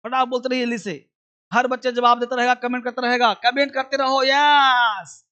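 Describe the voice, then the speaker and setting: High, bright-voiced man drilling a class. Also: level tone, clear, resonant tone, muffled recording. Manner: urgent, repetitive drilling, keeps urging viewers to answer fast. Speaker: English teacher. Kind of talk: live online lesson.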